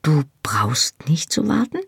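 Woman doing a tender young man in an audiobook, slow and breathy, hushed. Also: low voice, sing-song, no room sound, studio quality, exaggerated voice. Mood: hushed, earnest. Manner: soft hushed whispering delivery. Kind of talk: audiobook reading.

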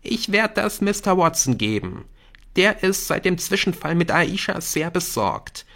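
Here the reader plays a nervous, sincere schoolboy who pleads with and presses a friend, raising his voice well above its natural level and letting the pitch swing widely. The slow, slightly bright, heavily acted delivery stays worried and insistent, full of urgency.

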